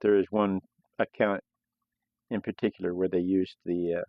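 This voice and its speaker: Man, gravelly voice, dry close sound, dull lo-fi audio, casual live-stream chat, rambling with restarts. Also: low-pitched, flat delivery, moderate pace, no room sound. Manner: loose, rambling delivery with frequent restarts. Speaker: host of a live sketching stream. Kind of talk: casual live-stream talk while drawing.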